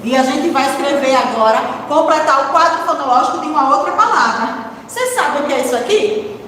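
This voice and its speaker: In a recorded primary-school literacy lesson, a woman teacher spells out words syllable by syllable for young children and encourages them with questions. Her high-pitched voice is brisk, fairly bright, and lively in intonation. There's a little hiss or hum, and the room is echoey with long reverb.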